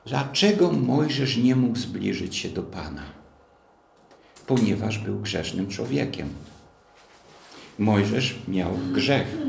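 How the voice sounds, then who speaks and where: A man preaching a teaching sermon on the Bible, slow and deliberate, often asking his listeners questions. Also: fairly low pitch, vocal fry, roomy sound, a little hiss or hum. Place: church hall.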